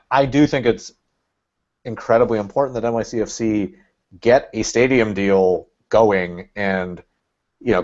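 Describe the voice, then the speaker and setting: Rambling man on a dull lo-fi line. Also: fairly low pitch. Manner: rambling, thinking aloud with many fillers. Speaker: guest, Red Bulls fan. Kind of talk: casual podcast chat. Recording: dull lo-fi sound.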